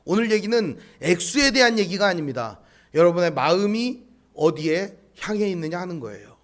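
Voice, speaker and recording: High, lively-voiced male pastor preaching. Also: moderate pace. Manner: animated storytelling with rhetorical questions. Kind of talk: sermon with storytelling.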